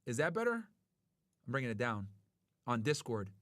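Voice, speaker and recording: A man's voice: mid-range voice, big pitch swings, measured pace, a bit bright, no room sound. Man on a call, overdriven uneven gain. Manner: fiddles with his audio settings, checking aloud. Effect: overdriven, peaking audio with uneven gain from a mixing board. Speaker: guest, former federal agent. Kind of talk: casual voice call. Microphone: computer mic through a mixing board on a voice call.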